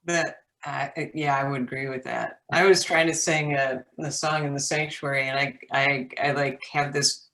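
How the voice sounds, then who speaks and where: Playful pastor chatting on a bible study podcast, bright voice, middle pitch. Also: fairly even intonation. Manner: playful, upbeat, quick to joke. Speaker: pastor, co-host. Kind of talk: casual chat and devotional reflection.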